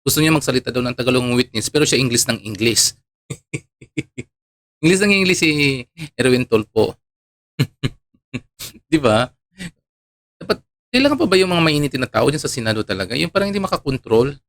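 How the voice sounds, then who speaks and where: A man's voice: medium pitch, big pitch swings, moderate pace, long pauses, a bit bright, no room sound. A man from Palawan giving casual spoken commentary to his viewers, chatty and often chuckling, with many fillers. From Palawan, Philippines. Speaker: online commentator.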